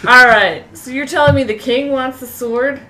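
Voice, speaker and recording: A woman playing a tabletop game, lively and playful in character. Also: sits high, normal speed, very noisy. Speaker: player. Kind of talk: casual tabletop role-play.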